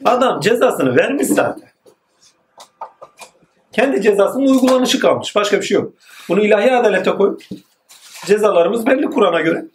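A man giving a spoken religious lecture, rising emphatically and then dropping to low asides. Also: expressive, normal speed, long pauses. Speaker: religious teacher. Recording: echoey room with faint noise.

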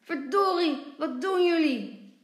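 Woman doing a loud scolding angry dad. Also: very high voice, slow pace, pitched above the performer's own voice. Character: angry grumpy father woken early. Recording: roomy, echoey sound.

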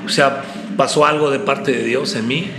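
A man, a preacher guest on a podcast, telling a personal story in an animated way, often repeating words and acting out quotes. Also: mid-range voice, moderate pace, vocal fry. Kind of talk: casual storytelling chat. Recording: echoey room with faint background noise.

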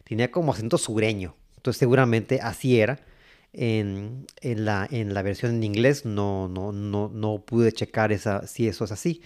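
A man with a Mexican accent giving casual, rambling commentary, halting and repeating words. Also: fairly low pitch, steady tone, darkish tone. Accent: Mexican Spanish. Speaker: host. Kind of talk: casual commentary on old cartoons.

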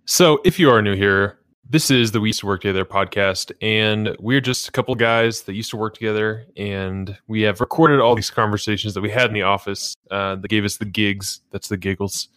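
A man's voice: fairly low pitch, fairly quick, hardly any pauses, a bit bright, dry recording. Dry-joking male podcast co-host. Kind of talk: casual chat.

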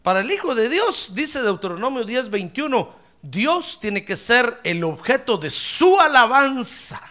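A man preaching a sermon to his congregation, addressing them directly and breaking into loud shouted praise. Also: extremely high pitch, big pitch swings, unhurried.

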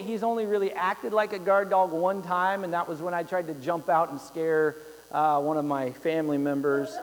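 A young man preaching from the pulpit, his voice set unusually high and carrying long reverb through a large church hall. He wanders through homely stories, stumbling over repeated words and scattering fillers as he goes, in a loose, conversational sermon style. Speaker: pastor.

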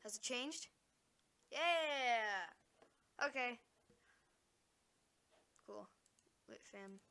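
A woman hosting a casual solo podcast, rambling and distracted, breaking into excited exclamations. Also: a little high, measured pace. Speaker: podcast host.

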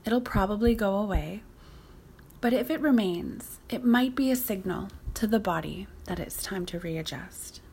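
This woman guides a yoga nidra session as its teacher, her medium-pitched voice carrying a breathy edge. She keeps things soft and close to a whisper, calm and slow-paced, offering gentle instruction.

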